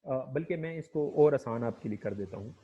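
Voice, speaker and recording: Husky man lecturing, muffled recording. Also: mid-range voice, expressive. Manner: hesitant, fills with "okay", slowly demonstrates sounds. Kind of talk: phonetics lecture.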